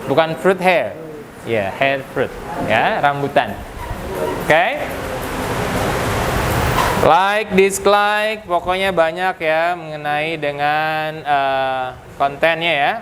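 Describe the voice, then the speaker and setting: A man teaching English to a classroom, cracking jokes and firing questions at the students. His voice sits high for a man, and he talks slowly and deliberately. The recording carries steady classroom noise. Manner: joking, asks the class questions.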